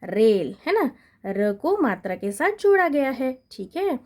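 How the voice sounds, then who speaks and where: A woman teaching young children a Hindi lesson, reciting syllables and words slowly and checking in with them often. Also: high voice, big pitch swings, a little mellow. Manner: repetitive, checks in with "है ना?" and "ठीक है?". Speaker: primary school Hindi teacher. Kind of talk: slow classroom recitation.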